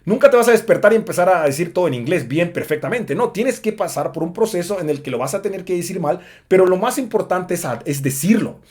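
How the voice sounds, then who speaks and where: A man's voice: high voice, animated, fast, hardly any pauses, a little mellow. A man giving a casual spoken English lesson, chatty with lots of fillers. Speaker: English teacher.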